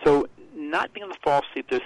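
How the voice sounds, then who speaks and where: Brief: male radio guest, gravelly and a bit husky, dry close sound, explanatory. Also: on the high side, no room sound, rough recording. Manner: explanatory, halting with restarts. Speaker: health expert guest. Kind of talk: radio health talk.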